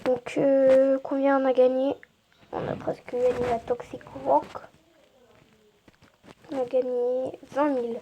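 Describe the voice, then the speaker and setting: Woman gamer, high voice, unhurried, hesitant casual commentary over a noisy recording. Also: flat delivery, mellow. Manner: hesitant, filler-heavy, keeps saying "hop". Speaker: YouTuber playing a mobile game.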